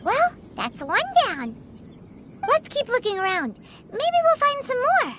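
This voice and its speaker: A woman voicing a tiny, excitable, cheeky flying fairy companion in a video game, with a squeaky childlike delivery. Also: measured pace, very noisy, full character voice. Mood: cheerful. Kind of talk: video game character acting. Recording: loud game music behind the voice.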